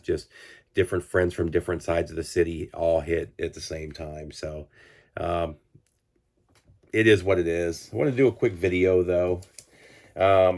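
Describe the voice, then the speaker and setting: Stuffy-nosed guy in his 40s, real low voice, rambling vinyl vlog chat with lots of ums. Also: darkish tone. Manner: rambling, many fillers and restarts. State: congested, recovering from illness. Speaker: vinyl collector channel host. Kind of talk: casual record-collecting vlog.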